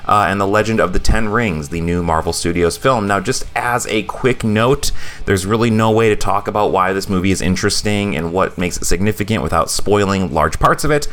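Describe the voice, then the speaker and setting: A man's voice: lowish voice, brisk, fairly bright tone. A man, hosting a casual podcast chat and rambling with many fillers. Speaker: podcast host.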